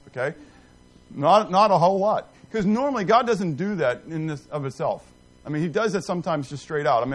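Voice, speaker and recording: A middle-aged man with a mid-range voice leads a Bible class, rambling in an animated, self-deprecating way as he quizzes and jokes with the group. There's a little hiss or hum in the recording.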